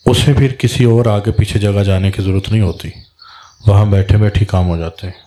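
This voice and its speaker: A man's voice: on the low side, fairly even intonation, warm tone. A man, a Sufi spiritual guide, telling a story in a religious talk and acting out the dialogue in quoted voices.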